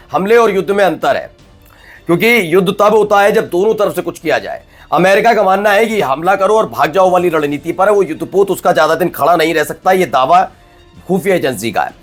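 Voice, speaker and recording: A man presenting news commentary in a conversational, animated way, with frequent restarts. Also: sits high.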